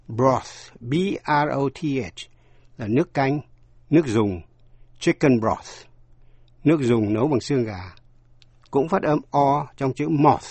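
Man, slow, slightly husky voice, pronunciation lesson, spells out words. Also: medium pitch, darkish tone, dry recording. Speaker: English teacher.

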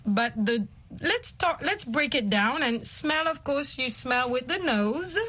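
A woman with a fairly high voice hosts an English lesson. She talks at an unhurried, very slow pace, teaching conversationally and explaining with simple examples. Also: expressive, fairly bright tone. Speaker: host of an English lesson show.

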